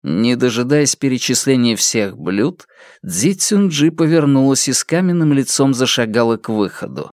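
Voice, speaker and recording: A narrator reading a novel aloud in a lively, expressive way. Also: medium pitch, normal speed, no room sound, studio quality. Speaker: audiobook narrator. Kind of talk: scripted narration.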